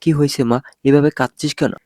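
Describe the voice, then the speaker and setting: A man's voice: mid-range voice, fairly even intonation, a little fast, a little mellow, no echo, clean studio sound, lightly acted. A man voicing a caring middle-aged mother who fusses over a hurt girl. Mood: worried. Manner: fussing, affectionate.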